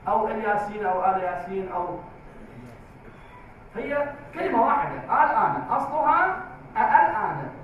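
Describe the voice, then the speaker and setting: A man teaching a tajweed class in a classroom, slow and drawn-out, repeating key words for the class. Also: very high-pitched, a little hiss or hum. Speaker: Quran recitation teacher. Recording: very echoey, distant, tinny phone-like sound.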